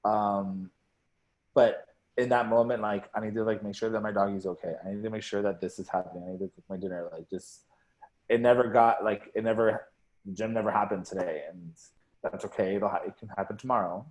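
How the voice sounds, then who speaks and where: A man's voice: fairly low pitch, fairly even intonation, brisk, darkish tone. Rambling young man on a podcast. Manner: rambling, heavy on "like" fillers and swearing. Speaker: podcast co-host. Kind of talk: casual podcast chat.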